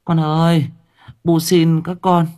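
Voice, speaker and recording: A man's voice: little pitch movement, slow pace, darkish tone. A man voicing an anxious mother begging her unruly sons to stop, in a storybook reading. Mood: pleading. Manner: begging, high-pitched pleas. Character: worn-out pleading mother, anxious and tender.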